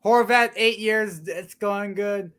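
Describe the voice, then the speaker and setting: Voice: mid-range voice, fairly even intonation, slow pace, a bit bright, smooth. A co-host in casual sports chat, talking hesitantly with many restarts and fillers.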